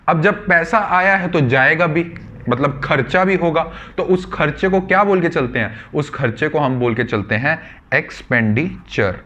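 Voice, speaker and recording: A man teaching commerce students, speaking to them as children, repeating key words slowly and answering his own questions in the students' voice. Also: a little high, fairly bright tone, muffled recording. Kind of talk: classroom lecture.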